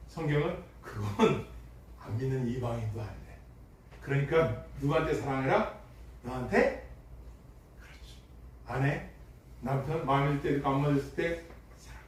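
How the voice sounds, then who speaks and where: Pastor preaching in an echoey church hall. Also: male voice, medium pitch, measured pace, long pauses. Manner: emphatic preaching with rhetorical questions, swings from loud to hushed. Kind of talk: sermon. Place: church sanctuary. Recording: echoey hall, distant mic, faint noise.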